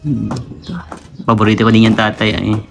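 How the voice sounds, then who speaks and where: A man hosting a charity vlog outdoors, greeting viewers and gently questioning a family. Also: lowish voice, completely flat delivery, moderate pace, creaky, slight background noise. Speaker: vlogger doing charity visits. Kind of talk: casual vlog talk and interview. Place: outdoors at a rural home.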